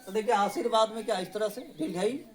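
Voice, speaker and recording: A male teacher, running a spelling lesson in a classroom. He drills his pupils with quick questions, and he scolds and teases them. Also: high-pitched, animated, a little mellow.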